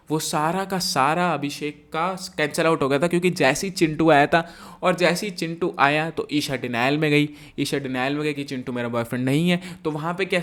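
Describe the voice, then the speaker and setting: A man giving a heated, indignant review of a reality show episode, dropping English phrases into his talk. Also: fairly high pitch. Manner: mixes English phrases into Hindi. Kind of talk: casual review commentary.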